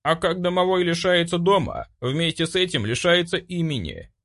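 A man's voice: fairly high pitch, sing-song, moderate pace, fairly bright tone, pitched above the performer's own voice, exaggerated voice. A man voicing a small male house spirit in an audiobook, humble and old-fashioned in speech. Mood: mournful.

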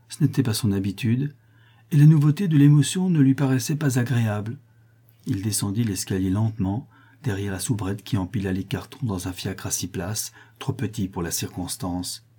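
A man reads a literary novel aloud in a steady, expressive audiobook narration. His voice is low, dark and mellow, with a husky texture. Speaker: audiobook reader.

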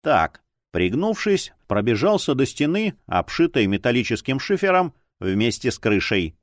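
A male narrator reads an audiobook with a lively, rising and falling delivery. His voice sits at an ordinary pitch, and the recording is close and dry with no room sound. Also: normal speed, no room sound.

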